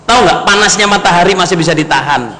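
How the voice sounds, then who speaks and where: Bright-voiced East Javanese preacher man. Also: sits high, fast talker. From East Java. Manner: talks straight to the congregation, lively storytelling with big swings. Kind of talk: storytelling sermon to a congregation. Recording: long hall reverb with faint background noise.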